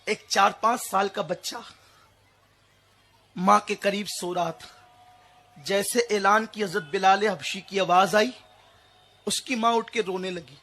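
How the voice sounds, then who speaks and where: A man preaching a devotional sermon, telling a story with passion, dropping to a hush and then rising to shouts. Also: high voice, fairly even intonation, pauses often. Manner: impassioned, rising to shouts at climaxes; drops to a soft hush when telling the story.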